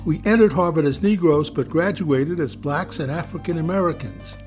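Host, 80s male, measured scripted intro, slightly high voice, music bed. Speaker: podcast host. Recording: spoken over clear music.

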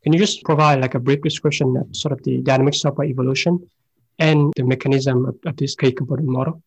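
A man hosts an interview podcast in a husky, mid-pitched voice. He reads out introductions and questions, pausing on fillers between phrases. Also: steady tone, low-quality recording. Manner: reads prepared questions with many "uh" pauses. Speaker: podcast host. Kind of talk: interview hosting.

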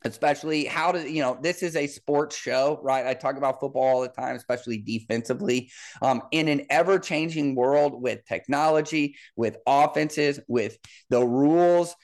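A man's voice: mid-range voice, normal speed. Thirty-something man hosting a solo podcast. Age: 30s. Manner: conversational with frequent fillers and restarts. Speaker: podcast host and football coach.

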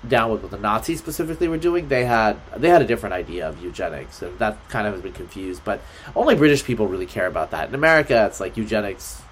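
A man's voice: fairly low pitch, quick pace, slight background noise. A man as a podcast guest, talking in a loose, rambling way with lots of fillers. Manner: rambling, filler-heavy, lively. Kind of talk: casual conversation.

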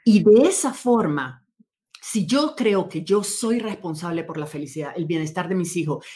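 Here the woman guest sounds warm and animated, her pitch on the lower side and her pace moderate. Answering questions in a conversational interview, she comes across as earnest and considered, regularly catching and correcting herself as she talks.

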